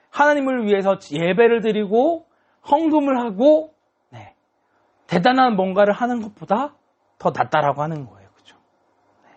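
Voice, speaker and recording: A young adult man, a children's pastor, telling a Bible story to kids and checking in with them as he goes. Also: high-pitched. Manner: animated storytelling with frequent "네" and "그죠?" checks. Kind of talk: children's sermon.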